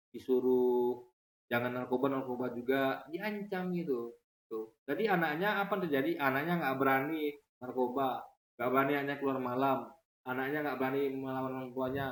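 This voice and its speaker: A religious commentator talking casually to viewers in a vlog, keeping it lively with rhetorical questions. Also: medium pitch. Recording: roomy echo, faint noise.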